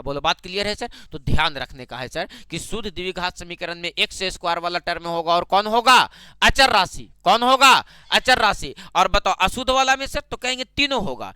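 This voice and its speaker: Guy teaching math, high bright voice, keeps firing the same questions back at the class. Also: smooth, no echo. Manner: drills students with repeated call-and-response questions.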